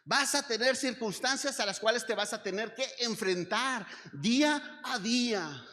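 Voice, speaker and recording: A Mexican man preaches in a high, bright, ringing voice. He takes his time and asks the congregation question after question, hammering each point home. His voice carries through an echoey church hall. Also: lively intonation, a little slow. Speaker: pastor. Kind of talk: sermon. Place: church service.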